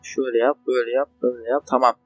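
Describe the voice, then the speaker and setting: A man's voice: mid-range voice, flat delivery, very fast, a bit bright, slightly rough, muffled recording, soft background music. A young man hosting a gaming channel, giving casual let's play commentary, rambling and swearing at the game in frustration. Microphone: desk microphone.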